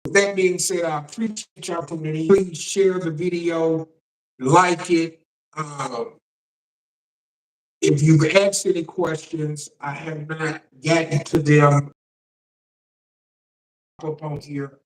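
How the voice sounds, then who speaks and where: A man hosting a live political news stream as a shock jock, talking casually to viewers in a halting way and repeating words. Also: fairly high pitch, steady tone. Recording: roomy echo, distant microphone.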